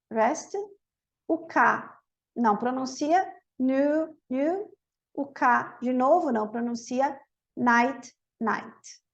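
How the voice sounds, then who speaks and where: A woman from Brazil whose first language is Portuguese, teaching an English lesson and explaining it step by step in Portuguese, repeating each example word twice. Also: high-pitched.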